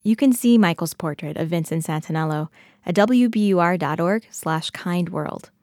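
A woman hosting a podcast, reading scripted narration in a measured, gentle storytelling voice. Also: lowish voice, no echo, studio quality. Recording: narration over clear music.

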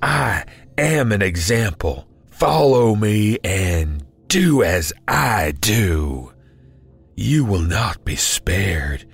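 A man voices a hateful, unhinged zealot in a breathy, lowish voice that rises and falls. He speaks extremely slowly over faint music, with sudden bitter outbursts. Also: big pitch swings, dry recording, heavily acted. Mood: menacing. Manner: slow, menacing monologue with bitter outbursts. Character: bleeding male cult zealot, hateful and unhinged.

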